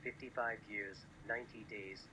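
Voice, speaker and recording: A man's voice: lowish voice, steady tone, normal speed, noisy background, lightly acted. A man voicing an emotionless computer intelligence that announces terse, clipped statements like a video game. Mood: flat, robotic.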